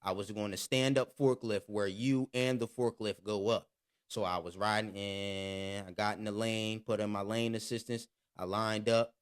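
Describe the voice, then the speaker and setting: A man's voice: on the low side, moderate pace, clear, resonant tone. Laughing man telling a story. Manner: animated storytelling, laughs while talking. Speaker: podcast co-host. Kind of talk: casual chat.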